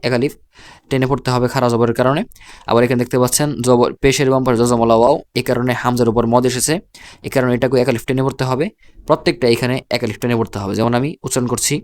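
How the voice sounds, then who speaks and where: Bangladeshi bengali guy teaching quran reading online, spells each letter and mark then sounds the word out, goes over every rule slowly. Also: medium pitch. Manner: repeats each point slowly and patiently. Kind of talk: step-by-step online lesson.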